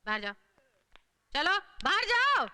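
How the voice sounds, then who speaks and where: A woman's voice: high-pitched, big pitch swings, slow, bright, forceful tone, no room sound, heavily acted. An actress playing a bossy landlady who scolds in broken Hindi mixed with English. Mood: scolding.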